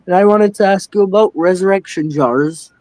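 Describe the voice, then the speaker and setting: In a rough recording with no room sound, a young Czech man with a high-pitched, slightly mellow voice calls a live stream about his aquarium. He talks at normal speed but hesitantly, restarting often and leaning on fillers.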